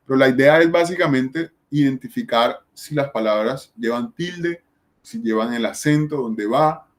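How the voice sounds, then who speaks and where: A man's voice: mid-range voice, a little slow. Patient male teacher. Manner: patient, explains step by step with rhetorical questions. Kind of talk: classroom lesson on spelling.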